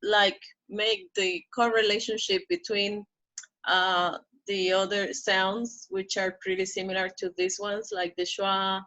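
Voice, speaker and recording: A woman teaching English pronunciation in a recorded lesson, explaining step by step and checking in with "okay?", slowing down to model the target words. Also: mid-range voice, level tone, a bit bright, dull audio.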